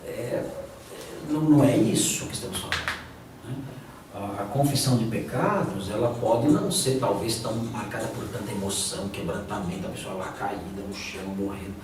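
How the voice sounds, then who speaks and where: This pastor speaks in a lowish voice at a fairly quick pace while teaching a theology class conversationally. He often acts out the voices of the people he quotes. The recording is noisy, with an echoey room and a distant mic.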